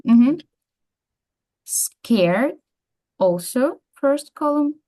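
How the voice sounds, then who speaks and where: Female student, Ukrainian accent, very slow, unsure one-word answers. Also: high-pitched, expressive, mellow. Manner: tentative, hesitant answers. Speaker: student volunteer.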